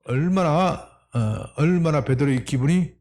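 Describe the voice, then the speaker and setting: A man's voice: a little high, moderate pace, darkish tone. A male senior pastor preaching a Sunday sermon, asking the congregation rhetorical questions.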